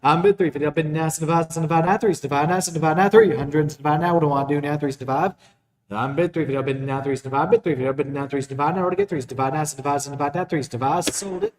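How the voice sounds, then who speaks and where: A male auctioneer with a fairly high voice chants numbers and bid calls in a repetitive rhythm. He sounds somewhat away from the mic, and the room rings clearly around him. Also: expressive, rapid-fire. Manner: repetitive rhythmic bid calling between plainly announced lots. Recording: roomy echo, distant from the mic.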